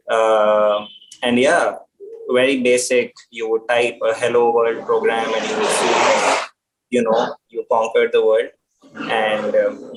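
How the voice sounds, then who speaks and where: A man's voice: mid-range voice, slight background noise, rough recording. A man in his thirties with an Indian accent, speaking informally and reflectively to students as a guest on a video call. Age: 30s.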